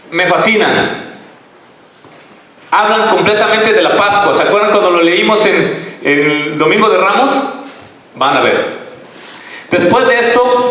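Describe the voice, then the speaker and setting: A man's voice: fairly high pitch, a bit bright. A man preaching a sermon, often asking the congregation questions. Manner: conversational, asks the congregation questions. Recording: echoey hall from far off.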